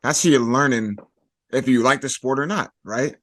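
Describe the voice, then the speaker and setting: A man hosting a casual podcast, emphatic and animated, often repeating words as he talks. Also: medium pitch, moderate pace. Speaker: podcast host.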